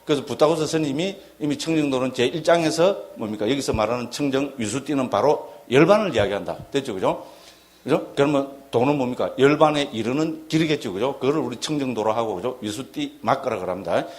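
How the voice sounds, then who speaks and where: Monk lecturing with constant checking questions. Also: male voice, brisk. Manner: acts out shouted quotes in a higher voice. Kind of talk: dharma lecture.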